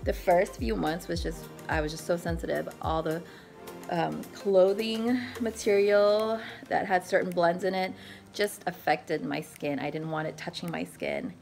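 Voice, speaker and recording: A woman's voice: fairly low pitch, fairly even intonation, measured pace, a little mellow. Chatty rambling woman vlogger. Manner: chatty and rambling, with many fillers. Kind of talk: casual chat. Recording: background music clearly heard.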